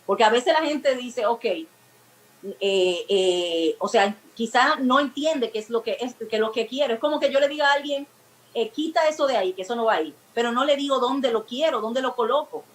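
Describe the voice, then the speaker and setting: A woman's voice: fairly high pitch, moderate pace, slight background noise, rough recording. A woman giving talk-show advice on communication in a teaching manner, acting out everyday examples. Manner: didactic, explains with acted everyday examples. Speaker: guest expert on emotional communication.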